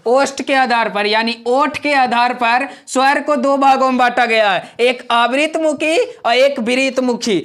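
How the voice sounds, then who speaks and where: A man's voice: extremely high pitch, fairly bright tone. A man teaching a grammar class, repeating each point and asking the class questions, drawing out vowel sounds as examples. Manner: draws out vowel sounds in demonstration.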